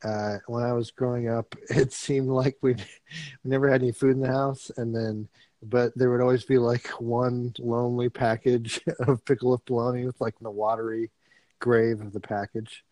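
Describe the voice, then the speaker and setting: A man's voice: medium pitch, little pitch movement, normal speed, mellow, no echo. A man co-hosting a casual comedy podcast, rambling and laughing often as he talks. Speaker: podcast co-host.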